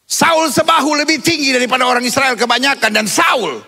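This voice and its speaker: A male pastor preaches fervently and calls the congregation into repeated responses, rising to shouted peaks. His voice sits very high and sounds bright and piercing. A gravelly rasp runs under it. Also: brisk. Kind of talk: sermon.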